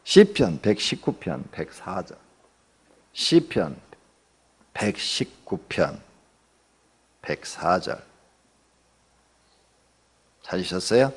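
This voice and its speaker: A pastor delivers an early-morning dawn sermon in church with a low, husky voice, speaking very slowly with frequent pauses and a sing-song lilt. He talks conversationally, asks the congregation questions, jokes, and acts out everyday people in quoted lines.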